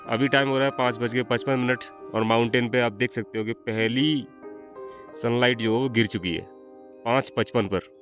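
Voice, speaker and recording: A young man vlogs casually on a mountain outdoors, chatting straight to his viewers in a travel vlogger's easy narration. His mid-range voice is fairly bright and steady, moving at a normal speed. Faint music plays behind him.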